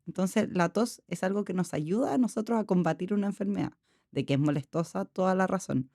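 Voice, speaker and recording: Chilean woman pediatrician, warm mellow tone, calm explainer, dry sound. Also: lowish voice, brisk, dry recording. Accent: Chilean Spanish. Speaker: pediatrician, podcast host. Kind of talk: casual medical chat.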